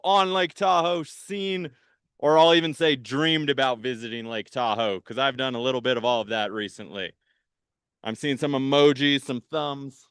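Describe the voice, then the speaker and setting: Man, park program host, enthusiastic, chatty, smooth resonant voice, on a boat outdoors. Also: medium pitch, a bit bright, no room sound, clean studio sound. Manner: upbeat, enthusiastic, chatty with viewers. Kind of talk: live virtual field-trip presenting. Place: on a patrol boat on a lake, outdoors.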